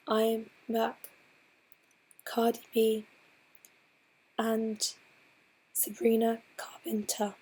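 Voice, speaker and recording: A student presenter, hoarse and plainly sick, goes through her slides in a breathy near-whisper. Her delivery is slow and halting with restarted phrases, her tone mellow and dark, her pitch flat, and the recording is low quality.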